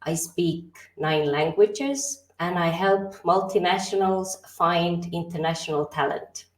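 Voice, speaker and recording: Female interview guest, lowish voice, measured explanations, echoey room on a video call. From Estonia, grew up in Sweden. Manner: measured, explanatory, with some fillers. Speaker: guest, executive recruiter. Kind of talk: interview answers.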